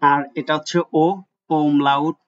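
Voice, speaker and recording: A man's voice: on the high side, little pitch movement, takes it slowly, fairly bright tone. Guy doing a german alphabet lesson, lots of "ah"s, repeats every sound, kinda muffled lo-fi audio. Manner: patient, repeats each sound several times; frequent "ah" fillers. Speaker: German language teacher. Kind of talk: screen-recorded language lesson. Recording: dull lo-fi recording.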